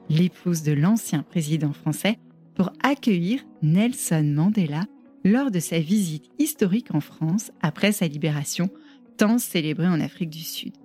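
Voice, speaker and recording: A woman reading a scripted narration in a measured, solemn way. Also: lowish voice, a little mellow.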